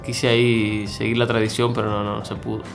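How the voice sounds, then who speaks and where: This interview guest, a middle-aged Cuban man whose accent mixes Cuban and Argentine, has a lowish, gravelly voice with a level tone and brisk delivery. The conversation is full of fillers and restarts. Music is faintly audible behind him.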